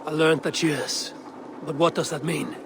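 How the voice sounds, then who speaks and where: An actor playing a stern, calm male Norse warrior who speaks in a measured, grave way. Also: fairly high pitch, creaky, noisy background. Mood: curious. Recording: game audio under loud music.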